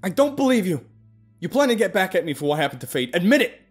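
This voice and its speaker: Guy doing a paranoid dude losing it, yelling loud and high, faint music under. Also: very animated, quick pace, husky, exaggerated voice. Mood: panicked. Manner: shouting, frantic. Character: paranoid young man, panicked and yelling.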